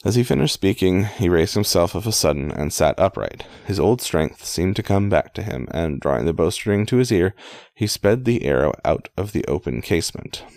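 Casual male reader, very low and gravelly, halting, with offhand asides. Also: expressive, darkish tone, no echo. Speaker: amateur reader. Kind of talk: casual read-aloud storytelling.

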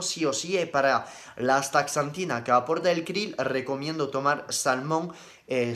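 Man, young adult, nutrition coach, live-stream Q&A, brisk slangy answers, fairly high voice. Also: a bit bright. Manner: brisk, matter-of-fact answers with casual slang. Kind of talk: live-stream Q&A, reading viewer questions.

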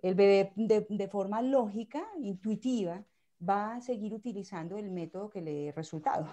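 Mellow-voiced woman host, measured and explanatory. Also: mid-range voice. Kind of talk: casual expert discussion.

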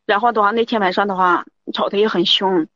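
A woman telling her story to a show host. She runs her words together quickly and talks in loops, repeating herself as she recounts each exchange. The audio is dry and muffled. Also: medium pitch, fairly even intonation, pushed and bright, no echo. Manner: rambling, keeps repeating "I said". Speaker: caller. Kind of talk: confiding call-in account.

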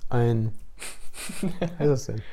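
A woman co-hosting a podcast, telling a story in a deadpan, mock-dramatic way. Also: a bass voice, takes it slowly. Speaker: podcast co-host. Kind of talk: casual podcast chat.

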